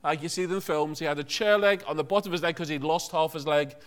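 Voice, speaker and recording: Speaking quickly in a voice on the high side, a man from Liverpool delivers a sermon in a chatty, humorous way, regularly putting questions to the congregation.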